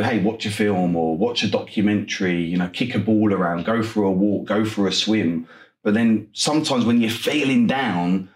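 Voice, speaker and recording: Man, Essex accent, lowish pitch, energetic interview guest, roomy echo. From Essex, England. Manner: enthusiastic, energetic. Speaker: interview guest, property coach. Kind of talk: conversational interview answers.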